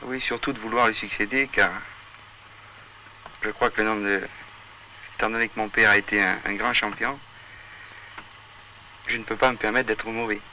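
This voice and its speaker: A man's voice: on the low side, fairly even intonation, moderate pace, pauses often, bright, forceful tone, slight background noise. A man in his twenties answering interview questions earnestly, with hesitant restarts. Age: 20s. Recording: distant 1960s outdoor film sound.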